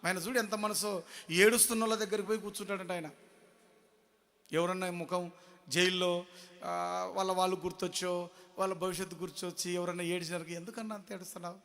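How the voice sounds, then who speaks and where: A man preaching a sermon, throwing questions at the congregation and swinging between loud shouts and low murmurs. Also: long reverb tail.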